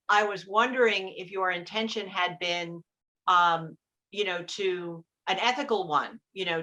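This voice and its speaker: Bright-voiced woman moderating a panel. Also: mid-range voice. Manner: polite, measured, many ums. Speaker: festival programmer and moderator.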